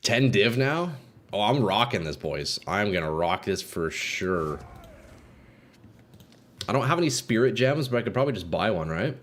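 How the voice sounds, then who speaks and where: A man's voice: lowish voice, sing-song, moderate pace, fairly bright tone. A young man live streaming a video game, chatting casually with his viewers in a slangy, sweary frat-bro manner.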